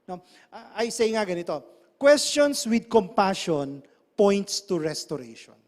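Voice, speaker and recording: A middle-aged Filipino man preaches in a high, lively voice, throwing question after question at the audience. His words echo with a long hall reverb. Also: measured pace. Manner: animated, switching between English and Tagalog, asks the audience many questions. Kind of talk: sermon.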